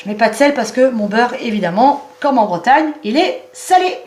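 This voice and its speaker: A woman hosting a home cooking show, chatting warmly and explaining each step of a recipe. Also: fairly high pitch, expressive, moderate pace. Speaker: cooking channel host. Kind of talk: cooking demonstration. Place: home kitchen.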